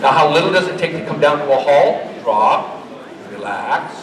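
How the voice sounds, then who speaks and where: A middle-aged man giving a live demonstration and pitch to an audience in a folksy, joking, motivational way, as a trainer. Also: steady tone, fast. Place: large indoor horse expo arena. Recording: echoey expo hall, distant, crowd noise. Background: crowd.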